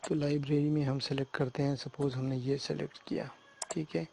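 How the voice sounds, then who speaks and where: Man, software tutorial, fairly high voice, steady flat delivery, step-by-step, pauses to check in. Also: creaky, slight background noise. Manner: step-by-step explaining, often checks in with the listener; hesitant fillers and restarts while working on screen. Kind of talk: screen-recorded software tutorial.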